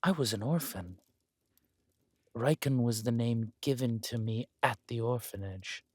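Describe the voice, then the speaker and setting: In a roleplay audio drama, a man voices a regal, wry and menacing villain king, delivering lines in a measured, intimate, smugly theatrical manner. His mid-range voice is lightly acted and carries no echo.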